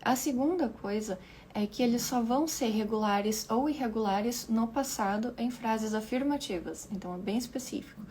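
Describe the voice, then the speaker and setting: A woman English teacher giving an online lesson, explaining patiently, repeating words slowly for pronunciation and often checking in with her listeners. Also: a little high, a little mellow, slight background noise.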